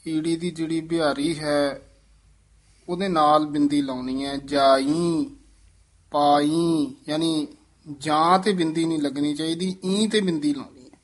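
A man teaching scripture recitation, correcting pronunciation and modeling each word slowly and carefully. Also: on the high side, fairly even intonation. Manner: slow, deliberate, models each word syllable by syllable.

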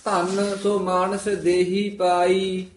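A man's voice: high-pitched, completely flat delivery, very slow. A man chanting scripture aloud as a student, and repeating lines after they are corrected. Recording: roomy echo.

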